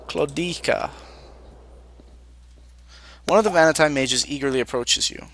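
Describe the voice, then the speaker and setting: A man's voice: a little high, unhurried, a bit bright, a little hiss or hum. A man playing a role-playing game, reading its text aloud and commenting wryly in a casual way. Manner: casual, wry. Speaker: let's play host.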